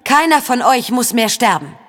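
Woman putting on a high, insistent lying spirit voice. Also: expressive, a bit bright, in a large hall. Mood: persuasive. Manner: slow, insistent, grandly persuasive. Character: young woman speaking in a spirit's lying voice, urgent, persuasive. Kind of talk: audiobook character voice.

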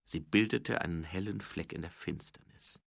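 A man narrating an audiobook with an expressive, dramatic reading. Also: low-pitched, normal speed, vocal fry, no room sound, studio quality.

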